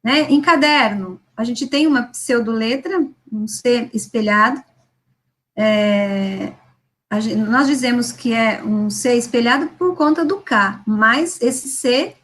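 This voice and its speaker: A woman with a Brazilian Portuguese accent lecturing on children's literacy over example slides, slowing down to sound out words syllable by syllable. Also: a little high. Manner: slows and stretches words to model a child reading syllable by syllable; didactic, with frequent "né?" tags and restarts. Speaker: literacy educator.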